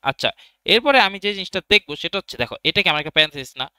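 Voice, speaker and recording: A man's voice: fairly high pitch, very animated, racing, bright, forceful tone, clean tone, no echo. A young man teaching programming in a casual tutorial, thinking aloud as he types and answering his own questions. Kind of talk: casual screen-recorded coding tutorial.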